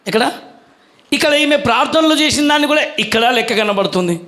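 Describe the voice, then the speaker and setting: A man's voice: very high-pitched, lively intonation, brisk, fairly bright tone. A male pastor preaching a sermon, questioning the congregation and calling for their answers.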